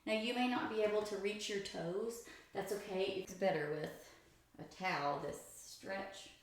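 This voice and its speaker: In a strongly reverberant room, a woman leads an exercise routine with casual instruction. Her pitch sits in the middle range for a woman. She is chatty and informal, a little self-deprecating as she guides each step. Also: animated, normal speed. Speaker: host of a stretching routine video. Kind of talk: casual exercise instruction, talking through own stretches. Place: echoey room indoors.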